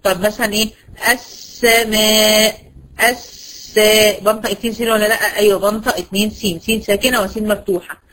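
An Egyptian-accented woman, a Quran recitation teacher, gives a brisk tajweed lesson, quizzing her students and answering her own questions, then slowing to stretch out example words. Her mid-range voice keeps a fairly even intonation. The recording is rough, with slight background noise.

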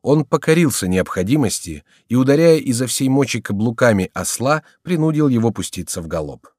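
A man narrating an audiobook in an expressive, scripted reading. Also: medium pitch, fairly quick, no echo, clean studio sound.

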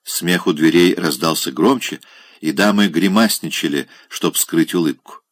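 Deep-voiced male audiobook narrator. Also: no echo. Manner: expressive, measured reading. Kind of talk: audiobook narration of a classic novel.

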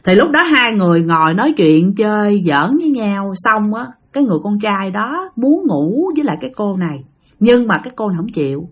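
Brief: Southern Vietnamese woman telling a ghost story, husky, lively pitch, chatty. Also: fairly quick. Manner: chatty, addresses listeners directly. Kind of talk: spooky storytelling.

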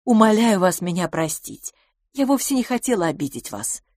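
Flustered prim governess, anxious and apologetic, read by a woman; lively pitch. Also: normal speed, no echo, studio quality, close to an everyday voice. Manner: agitated, pleading, rising pitch.

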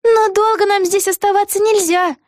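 A woman voicing an eager, brave young witch girl in an audiobook, with a high, lively and urgent delivery. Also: normal speed, dry recording, clean studio sound. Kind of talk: audiobook character voice.

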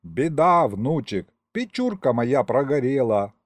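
A man voicing a gruff, folksy old grandfather cook with slow village speech. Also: mid-range voice, big pitch swings, no room sound. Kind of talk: audiobook character voice.

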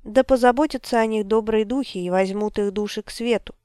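A cold, unyielding male wizard lays down his refusals in firm, measured tones, as a woman reader puts him on. The voice stays smooth and clear. The sound is dry and close. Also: mid-range voice, warm tone, no room sound, lightly acted.

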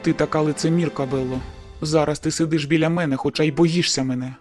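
A woman's voice: deep voice, fairly even intonation, fast, a little mellow, faint music behind, pitched below the performer's own voice, natural voice. A woman voicing a hot-tempered young male werewolf in an audiobook, with clipped, bitter retorts.

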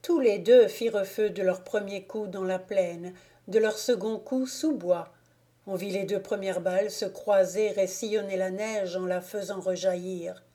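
A woman narrates a classic novel for a free audiobook. Her voice is mellow and warm, of middling pitch. She reads very slowly and carefully, in a soft-spoken, measured way. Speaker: audiobook reader. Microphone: home recording, volunteer reader.

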